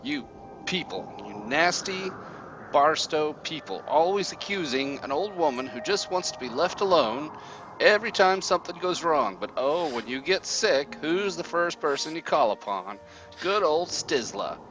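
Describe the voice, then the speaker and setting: A gravelly, grumbling old crone of a witch played by a man at a tabletop game, pitched up high. The voice is irritable and curt, with clipped folksy phrasing, and music plays clearly behind it. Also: lively intonation, measured pace, muffled recording. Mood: grumbling, indignant. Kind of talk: in-character tabletop role-play.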